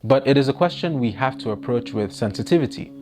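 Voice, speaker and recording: A man narrating a reflective video essay in a measured, scripted voice-over. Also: mid-range voice, expressive, music in the background. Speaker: host narrator.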